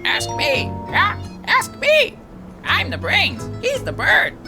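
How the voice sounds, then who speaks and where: Chirpy cheerful game robot; slow, bouncy, slightly gravelly edge. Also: female voice, very high voice, wildly swooping pitch, exaggerated voice. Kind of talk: video game character voice. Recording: game audio with loud music behind.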